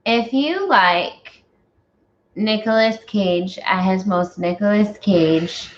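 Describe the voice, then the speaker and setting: A woman's voice: medium pitch, slow pace, highs cut off, slight background noise. A woman chatting casually as she hosts a movie review, tipsy, giggly and rambling.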